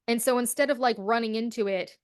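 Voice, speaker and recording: Young woman, casual podcast chat, animated quoting, bit high-pitched, dead-dry recording. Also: fairly quick, smooth, dry recording. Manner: animated, acts out quotes, swears freely. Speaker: podcast co-host.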